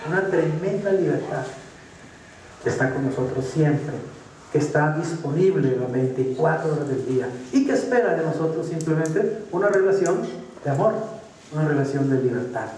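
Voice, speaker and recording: Man, Colombian accent, pastor preaching, conversational, slightly high voice, echoey church hall, distant mic. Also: normal speed, darkish tone, a little hiss or hum. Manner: conversational, asks for assent, acts out voices. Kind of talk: sermon.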